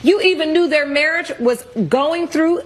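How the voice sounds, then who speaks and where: A woman's voice: sits high, normal speed. A woman presiding as a TV court judge, questioning and ruling in a blunt, scolding, commanding way.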